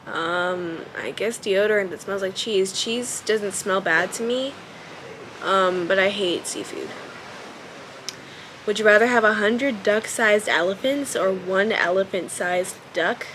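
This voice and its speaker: A young woman vlogger with a childlike, baby-ish voice chats casually to the camera at home, thinking aloud with plenty of ums. Her pitch is medium and her pace unhurried, and she sounds relaxed yet hesitant. The recording is rough, with slight background noise.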